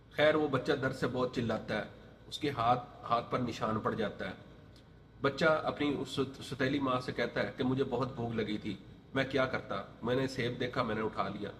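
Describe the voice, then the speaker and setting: A man recounts a tragic domestic tale in a relaxed, meandering way, stumbling over words and circling back with filler phrases. His voice sits in a middling register and sounds roomy, as if captured in a bare, echoing space. A faint hum of ambient noise lingers underneath. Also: medium pitch. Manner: loose and rambling, many fillers and restarts. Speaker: storyteller. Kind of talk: casual spoken storytelling.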